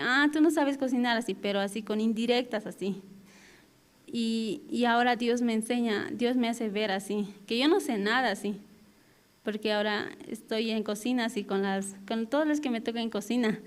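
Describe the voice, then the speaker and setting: A woman shares a personal testimony at a prayer service. Her voice sits a little high and sounds smooth and clear. She speaks in a halting, hesitant way and keeps circling back on small filler words. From Bolivia. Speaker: church member giving testimony.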